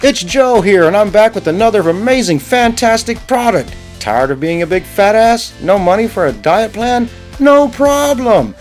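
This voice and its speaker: A man putting on the voice of a loud, pushy male infomercial pitchman, with booming hard-sell patter over guitar music. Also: expressive, normal speed, hardly any pauses.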